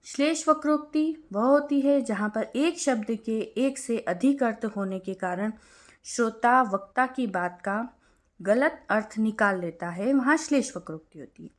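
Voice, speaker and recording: A young woman with a slightly high-pitched voice gives an online grammar lesson. She explains each point clearly and step by step. When she quotes a verse, she slows right down. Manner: clear explanatory tone, recites verse lines slowly. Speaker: Hindi grammar teacher.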